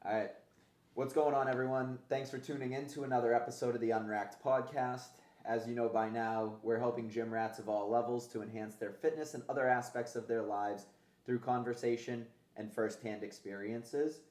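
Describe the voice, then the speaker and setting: A man's voice: mid-range voice, fairly even intonation, normal speed, darkish tone. A man hosting a casual fitness podcast, talking conversationally with gym-bro slang and casual swearing. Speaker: podcast host. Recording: roomy, echoey sound.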